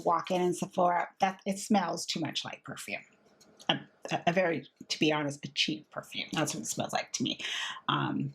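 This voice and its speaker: A woman in her thirties, a beauty vlogger, chatting casually and candidly about products she has used up, with a husky voice. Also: fairly low pitch, background noise. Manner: chatty, candid, frequent fillers and restarts. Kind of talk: casual product review chat.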